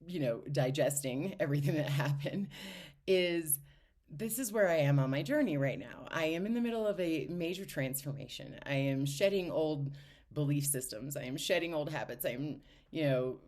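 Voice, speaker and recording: A woman's voice: low-pitched, moderate pace, a little mellow. A woman spiritual life coach telling a personal story in a chatty way, often laughing as she goes. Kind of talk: casual storytelling to camera.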